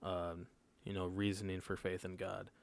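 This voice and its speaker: A nineteen-year-old podcast co-host tells a personal story in a low, flat voice with vocal fry, speaking at a moderate pace. The chat is casual and laid-back, and he often checks in with his listeners.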